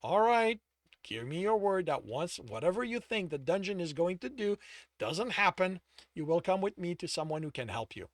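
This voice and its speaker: A man's voice: high voice, very animated, normal speed, no room sound, studio quality, pitched above the performer's own voice. A man reading aloud, voicing a skeptical male sorcerer who speaks with open exasperation. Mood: exasperated. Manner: exasperated, incredulous.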